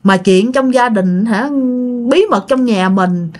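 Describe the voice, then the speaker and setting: A woman's voice: mid-range voice, takes it slowly, darkish tone. A woman with a Southern Vietnamese accent telling a ghost story in a casual, chatty way, often speaking straight to her listeners. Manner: chatty, addresses listeners directly.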